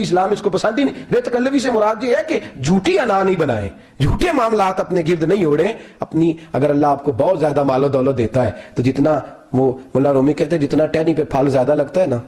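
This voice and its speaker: A man giving an emotional sermon, telling stories dramatically and acting out the people in them, rising to near-shouts at the peaks. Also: on the high side. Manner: dramatic, acts out quoted voices, rises to near-shouting peaks. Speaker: preacher. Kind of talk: emotional Urdu sermon with storytelling.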